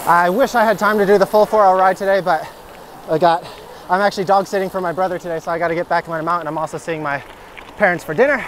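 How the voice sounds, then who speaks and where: High-voiced and a bit bright, an American man from Michigan talks fast with fairly even intonation as he rides a bike on a gravel country road. His vlog is casual and enthusiastic, captured in a low-quality recording with slight background noise.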